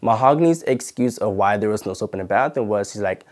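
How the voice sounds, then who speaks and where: A man's voice: on the low side, animated, quick pace, a little mellow. A young man telling a story to camera in a casual, indignant way, full of "like" and "you know". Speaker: channel host and former videographer.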